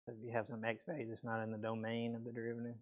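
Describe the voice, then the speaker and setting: A man's voice: mid-range voice, monotone, very fast, lo-fi sound. A man teaching a math class, explaining step by step in a casual way with frequent okays, his voice a bit weak and a peppermint in his mouth. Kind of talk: classroom lecture.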